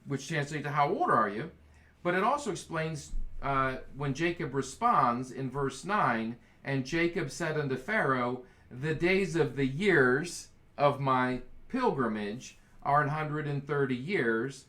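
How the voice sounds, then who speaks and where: Male Bible study leader, bright tone, enthusiastic and playful. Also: mid-range voice, animated, a little slow. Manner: enthusiastic, reads scripture aloud, jokes. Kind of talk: casual Bible study teaching.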